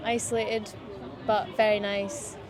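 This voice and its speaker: A woman's voice: medium pitch, slow pace. A woman in her twenties with a Scottish accent, chatting casually about her music in an interview, rambling with lots of fillers. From Scottish Highlands. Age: 20s. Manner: relaxed, rambling with many fillers. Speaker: musician guest. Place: outdoors by a city riverbank. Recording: outdoor crowd noise behind.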